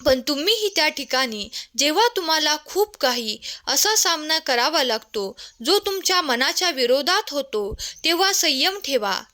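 Bright, high-voiced woman reading devotional messages. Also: expressive, normal speed, few pauses. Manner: gentle, tender address to the listener as a child.

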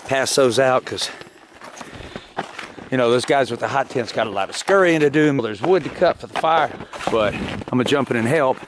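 A man vlogging casually outdoors in snowy winter woods, joking and playful as he talks. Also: medium pitch. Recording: noisy outdoor camera audio.

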